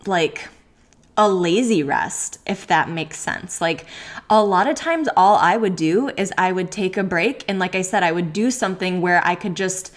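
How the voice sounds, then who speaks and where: A pregnant woman in her thirties hosting a solo podcast Q&A, talking candidly with many likes and ums and frequent laughs. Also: mid-range voice. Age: 30s. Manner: laughs often while talking. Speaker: podcast host.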